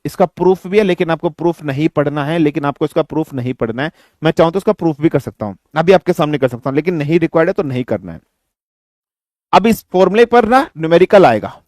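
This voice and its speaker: A man teaching physics in an online exam-prep lecture, mixing Hindi and English, asking and answering his own questions and slowing down to dictate definitions. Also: a little high, a little mellow, no echo, studio quality. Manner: slows down to dictate definitions word by word.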